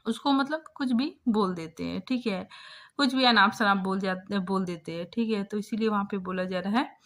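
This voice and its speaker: A woman teaching, going through a story line by line for exam students and checking in after nearly every phrase. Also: medium pitch. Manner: explains slowly, keeps asking "ठीक है?" after each phrase. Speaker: literature teacher.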